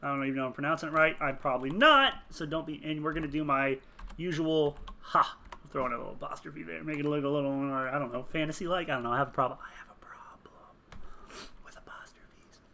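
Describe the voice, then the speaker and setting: A man's voice: on the high side, racing, creaky, pushed and bright, a little hiss or hum. A man thinking aloud as he builds a game character, rambling, muttering and chuckling at his own jokes while he types. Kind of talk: casual thinking aloud while searching online.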